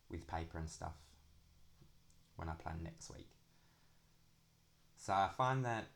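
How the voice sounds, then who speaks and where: Deep-voiced man with drawn-out s sounds. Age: young adult. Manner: drags out the s sounds. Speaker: craft planner vlogger. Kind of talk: casual chatty product walkthrough.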